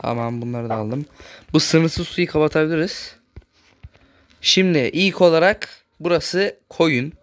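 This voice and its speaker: A man hosting a gaming channel, chatting casually through his gameplay, speaking a bit loudly on purpose and constantly addressing his viewers as friends. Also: a little high, measured pace, slight background noise. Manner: talks loudly on purpose so the voice carries.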